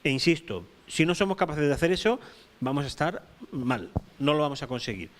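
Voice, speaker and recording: A man's voice: on the high side, big pitch swings, a little fast. Emphatic man at a panel. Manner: emphatic, repeats points, many restarts. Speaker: panel speaker. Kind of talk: round-table talk.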